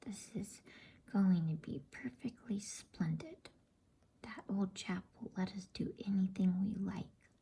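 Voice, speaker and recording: A woman voicing a confident, eager eldest brother in a storybook, in a breathy whisper. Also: medium pitch, slow, mellow, heavily acted. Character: bold, eager boy explorer, eldest brother.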